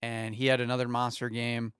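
Speaking a little fast, a young man in his twenties lists game scores in a steady rundown on a casual sports talk show he co-hosts, with plenty of ums. His medium-pitched voice is clear and resonant. He records dry in a small foam-paneled studio, on an arm-mounted mic with headphones.

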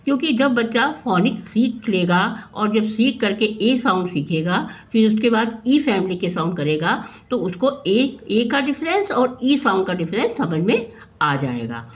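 A woman teacher, slowly sounding out letters and asking questions in a phonics lesson for children. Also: medium pitch, very animated.

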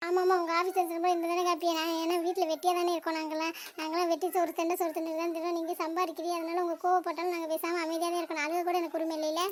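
A woman's voice: very high voice, level tone, racing, slight background noise. A woman voicing a hurt young wife in a cartoon who answers her husband with bitter sarcasm. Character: hurt young wife, sulky and sharp-tongued. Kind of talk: cartoon voice acting.

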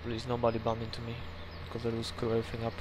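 Racing along in a completely flat, medium-pitched voice, a young Slovak-accented YouTuber rambles through casual commentary on a farming game. He's chatty, laughs and swears mildly. Game sounds and engine noise are audible in the background.

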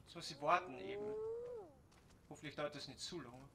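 A man from German-speaking Europe giving casual let's play commentary, muttering to himself and breaking into excited cursing. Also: a little high, fast talker, over a noisy crowd.

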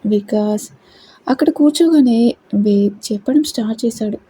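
A woman narrating a romance story aloud as the channel's regular reader, in a gentle, even storytelling manner. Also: a little high, normal speed, breathy edge, rough recording.

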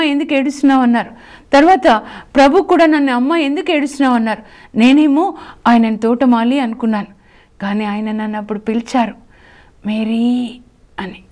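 An adult woman disciple bursts out her testimony in a bright, high, breathless rush, voiced by a woman preacher. She sounds eager and joyful, and speaks with a storyteller's earnestness. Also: natural voice. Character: adult woman disciple telling of meeting the risen Lord.

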